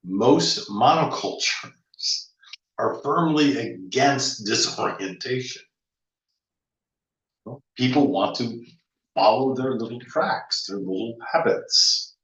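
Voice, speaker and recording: A man's voice: medium pitch, animated, slow, fairly bright tone. A man in casual conversation, musing with a wry, teasing manner and many restarts. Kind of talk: casual reflective chat. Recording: roomy, slightly dull audio.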